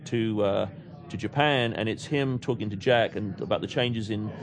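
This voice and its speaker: A man's voice: lowish voice, normal speed. A man from England, raised in London, talking casually as a guest on a podcast, rambling with frequent restarts and repeated words. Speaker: comics writer guest.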